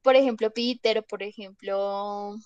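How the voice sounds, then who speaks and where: A woman's voice: mid-range voice, steady tone, measured pace, darkish tone, clean tone, dry recording, lo-fi sound. A woman teaching an English class, explaining with many examples and checking in with her students. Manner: chatty, explains with examples, asks "¿listo?". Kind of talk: classroom lesson.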